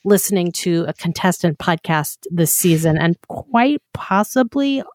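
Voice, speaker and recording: A woman giving a chatty, animated critique as a judge on a podcast contest. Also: fairly low pitch, a little slow, dry recording, clean studio sound. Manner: chatty, animated, with many fillers. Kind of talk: casual critique.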